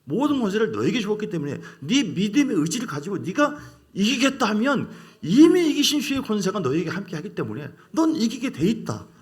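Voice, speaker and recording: A commanding, authoritative man of divine power speaks in a raised, ringing voice, as a preacher acts him out. The pitch climbs well above his usual speech and the delivery swells louder with each phrase. Each line lands as a firm declaration. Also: sing-song, a little fast, few pauses. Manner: firm, declaring, rising emphasis.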